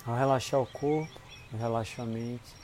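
A man with a Brazilian Portuguese accent leads a guided relaxation in a soothing, unhurried manner, leaving long pauses between short phrases. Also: mid-range voice, steady tone, a little mellow, soft background music. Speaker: guided meditation instructor. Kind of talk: guided body-scan relaxation.

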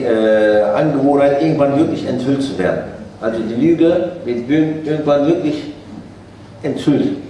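Male preacher, conversational sermon, dark voice, distant mic in a very echoey room. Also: mid-range voice, a little hiss or hum. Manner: conversational, asks the audience questions, often adds "ne?". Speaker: religious teacher.

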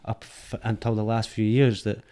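A middle-aged man with an Edinburgh Scottish accent, guesting as a film director, reflects honestly at a normal pace. His lowish voice is dark, clear and resonant, delivered flatly, and he frequently repeats words mid-search. He's miked with a dynamic studio microphone.

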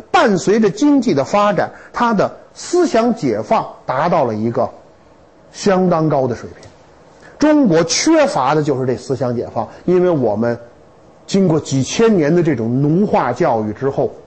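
Husky, animated male lecturer. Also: on the high side, low-quality recording. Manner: animated, humorous storytelling with rhetorical questions. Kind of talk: lively classroom lecture. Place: lecture hall with students.

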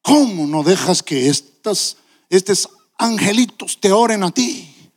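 A man's voice: high voice, expressive, slow pace, full character voice. A man voicing a blunt, pushy wife within a story told in a sermon. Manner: blunt, bossy.

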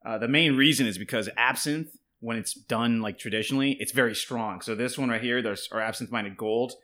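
A man's voice: mid-range voice, a little fast, sharp tone. A man talking casually as a guest about the absinthe he makes, joking and laughing often. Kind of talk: casual chat.

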